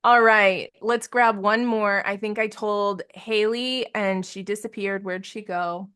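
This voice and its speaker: A woman coaching participants live over a video call. She sounds upbeat and encouraging and laughs easily. Her voice sits in an ordinary middle pitch. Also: steady tone, a little slow, a bit bright, clean tone. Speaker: business coach.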